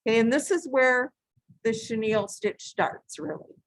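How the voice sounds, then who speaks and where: A woman's voice: on the high side, normal speed, no echo, poor audio. A woman teaching a beading stitch live, giving patient, repetitive step-by-step instructions and sometimes correcting herself. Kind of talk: step-by-step craft tutorial.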